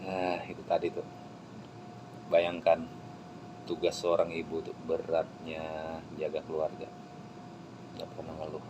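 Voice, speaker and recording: A man preaching a sermon, swinging from hushed pleading to loud exclamations. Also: very deep voice, completely flat delivery, a little slow, long pauses, background noise. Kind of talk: emotional sermon.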